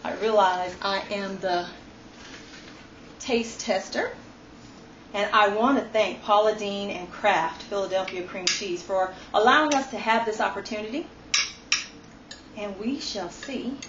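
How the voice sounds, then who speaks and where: A woman's voice: medium pitch, measured pace, pauses often, reverberant, highs cut off, background noise. A woman demonstrating a recipe in her home kitchen, chatty and instructive, recorded on a phone camera from a distance. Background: clattering dishes and cutlery.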